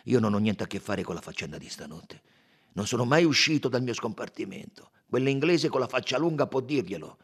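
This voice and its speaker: A hot-tempered chauffeur protests in a low, aggrieved voice, as a man voices him in an audiobook. The tone is husky and swings widely in pitch. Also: lively intonation, fairly quick. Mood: protesting.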